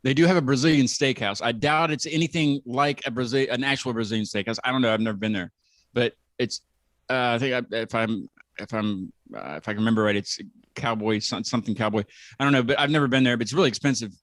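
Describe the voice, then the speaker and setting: A man's voice: medium pitch, quick pace, fairly bright tone, no echo. Rambling man hosting. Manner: rambling, repeats words while searching. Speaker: podcast host. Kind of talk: casual interview chat.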